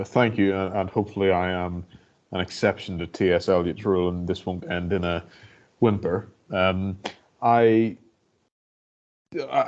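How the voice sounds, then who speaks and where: A barrister from Northern Ireland, speaking as a guest, gives a personal talk to an online audience in a low, flat voice. He's reflective and hesitant, with many restarts and fillers, and the recording's highs are cut off.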